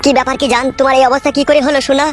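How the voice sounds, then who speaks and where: A woman playing a rough young village husband in a comic skit, swearing and talking crudely. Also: high-pitched, little pitch movement, rapid-fire, soft background music, close to an everyday voice. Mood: tender.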